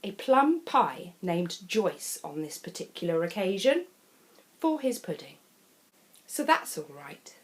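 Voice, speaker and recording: An English woman reads a children's picture book aloud with a theatrical, sing-song delivery and a slow pace, her pitch swinging widely. She talks directly to the young listener, slipping in chatty asides as she tells the story expressively.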